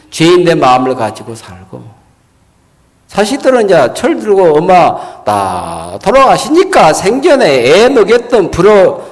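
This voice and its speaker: An older male pastor preaches in a fairly high, very lively voice, swinging from loud to soft. He tells homely stories and keeps asking the listeners questions. His words ring out with a long reverb in a large church hall. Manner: folksy storytelling with rhetorical questions. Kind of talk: sermon.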